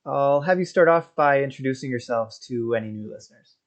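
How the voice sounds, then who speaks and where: A man's voice: mid-range voice, a little fast. Chatty male podcast host. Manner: friendly and informal, with frequent fillers and restarts. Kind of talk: podcast interview.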